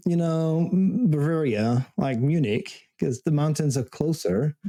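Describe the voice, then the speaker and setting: A man's voice: a little high, measured pace, mellow. A man hosting a tech interview show, chatting in an upbeat, easygoing way. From France. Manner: chatty, upbeat, with small laughs. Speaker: show host.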